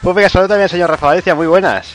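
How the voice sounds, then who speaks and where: A man's voice: sits high, rapid-fire. A man with an accent from Spain hosting a podcast in casual conversation. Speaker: podcast host. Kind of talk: casual podcast introductions and chat. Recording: music behind the talk.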